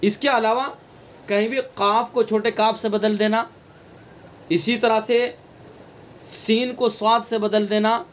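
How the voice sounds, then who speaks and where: A man with a Delhi Urdu accent leads an online Quran recitation class, his voice sitting high for a man. He goes over each rule patiently, repeating it and quizzing the students, then answering himself. A faint hiss of noise runs under the recording. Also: little pitch movement. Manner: slow, repetitive teaching, asks and answers own questions. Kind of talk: online tajweed class lecture.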